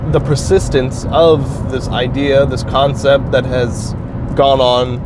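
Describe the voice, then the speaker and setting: A Turkish man who hosts his own channel talks through an idea in a slow, reflective monologue, pausing often and restarting his thoughts. His medium-pitched voice stays level, and the delivery is halting and thoughtful. Traffic noise is clearly audible since he's recording outdoors.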